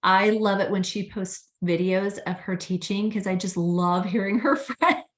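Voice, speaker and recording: A woman guest talking casually in an interview, chatty and animated when retelling conversations. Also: mid-range voice, unhurried. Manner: chatty, acts out quoted dialogue with laughs. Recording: roomy echo.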